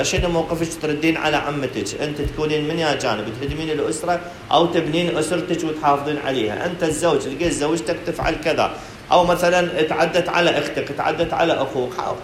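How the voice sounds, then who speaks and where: A man's voice: a little high, slight background noise. A man with an Iraqi Arabic accent, director of a counselling centre, giving a religious talk to an audience, asking rhetorical questions and addressing listeners directly. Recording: echoey room recording.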